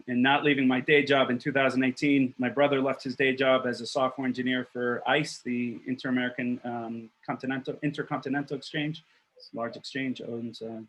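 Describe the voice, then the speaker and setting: A man in his thirties from Costa Rica, making an earnest and blunt pitch on a video call from a small room, with many fillers and restarts. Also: a bit bright, rough recording. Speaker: block producer candidate. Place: small room with wooden shelves, indoors. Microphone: webcam on a video call.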